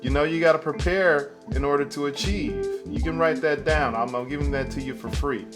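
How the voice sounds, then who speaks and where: A man's voice: fairly high pitch, a little fast, music in the background. A man hosting a casual cooking tutorial, talking the viewer through each step with playful, jokey asides. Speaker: cooking video host.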